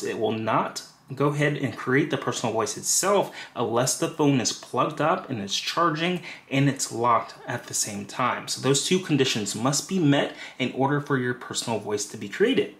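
A man's voice: mid-range voice, animated, normal speed, hardly any pauses, a bit bright. A man casually walking through a phone setup tutorial step by step, with fillers like "you know". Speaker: tech tutorial presenter. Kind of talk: screen-recorded how-to walkthrough. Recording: roomy echo.

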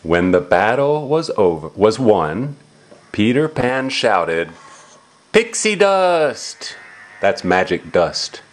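A man reads a picture book aloud to young children, slow and unhurried. His voice swoops up and down in a lively, playful sing-song. He keeps stopping to ask the kids questions about the pictures. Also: on the low side. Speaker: uncle reading to his niece and nephews.

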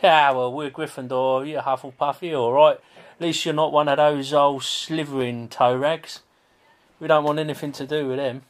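A man's voice: fairly high pitch, steady tone, normal speed. A man with a chatty, playful manner, playing as a player in a tabletop game.

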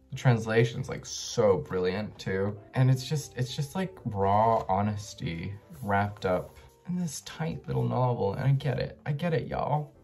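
A man's voice: lowish voice, gravelly, darkish tone. A tipsy young man chatting casually to the camera in a loose, rambling, effusive way. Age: young adult. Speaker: book reviewer vlogger. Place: small bedroom indoors.

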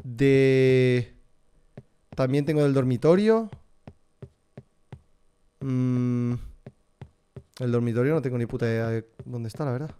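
A man's voice: mid-range voice, slow pace, long pauses, mellow, clean tone. A young man with a Spain Spanish accent, jumpy and swearing while commenting live on a horror game for his chat. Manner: profane, jumpy, talks to chat. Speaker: streamer.

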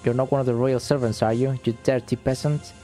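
Haughty spoiled boy duke read by a man, pompous and commanding, mellow tone, game dialogue. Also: medium pitch, fairly even intonation, a little fast, faint music behind, lightly acted. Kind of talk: reading game dialogue aloud.

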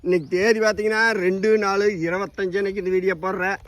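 A man's voice: high voice, level tone, quick pace. A man with a Tamil Nadu accent giving an informal sales walk-through as a cattle seller outdoors on a farm.

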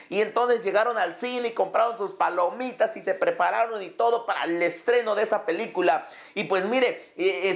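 Guy telling a story to the crowd, highish raspy-gravelly voice, keeps saying imagine, lots of ums. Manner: addresses listeners directly, many hesitant fillers. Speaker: motivational business speaker. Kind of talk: storytelling parable to an audience.

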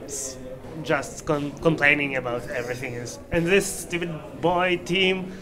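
A man's voice: fairly high pitch, measured pace, crowd noise, lightly acted. A man voicing an overdramatic, unemployed teenage girl who complains at the tabletop game table. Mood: complaining. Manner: complaining, whiny.

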